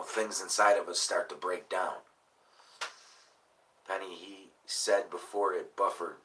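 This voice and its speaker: A man in his late thirties chats loosely on his livestream, drifting from topic to topic and swearing freely. His lowish voice has a sharp, forceful edge. He sits back from the mic, with a faint hiss underneath. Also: recorded from a distance, poor audio. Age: late 30s. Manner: rambling, profane, laid-back. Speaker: livestream host. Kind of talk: casual livestream chat.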